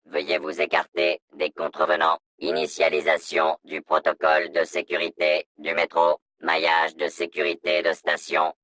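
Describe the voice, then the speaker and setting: An actor voicing a stern male security robot in a video game, through a robotic voice filter, in a flat, monotone, announcement-like delivery. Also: low-pitched, normal speed, gravelly, few pauses, no echo, full character voice. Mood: cold, commanding. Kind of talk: video game dub dialogue lines.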